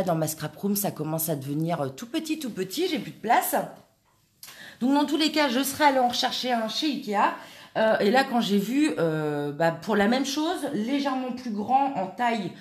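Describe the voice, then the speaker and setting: A woman hosting a live craft tutorial, chatting while she works and answering viewers by name. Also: medium pitch. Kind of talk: live craft demonstration with chat replies. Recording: echoey room.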